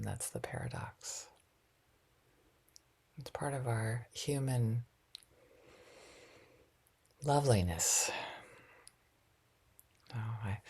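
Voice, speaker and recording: A woman teaching a loving-kindness meditation in a soft, often half-whispered, gentle and reflective way, with light laughs at herself. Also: extremely low pitch, vocal fry, slightly rough.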